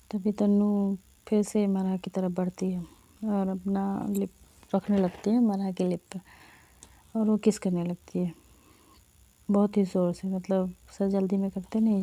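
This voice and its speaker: A woman's voice: mid-range voice, warm tone. A woman narrating a romance story in a casual, conversational way with chatty asides.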